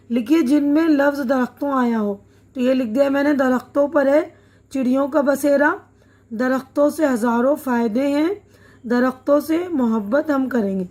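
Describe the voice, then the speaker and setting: A woman's voice: sits high, darkish tone. A woman teacher working through a textbook chapter, patiently explaining each word with simple glosses and checking questions. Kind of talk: reading through a textbook lesson.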